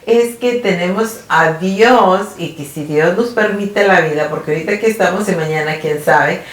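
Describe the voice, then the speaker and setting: A woman's voice: on the low side, normal speed. A woman co-hosting a podcast in a casual faith chat, often tagging her sentences with a questioning "¿verdad?". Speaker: podcast co-host. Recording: echoey room.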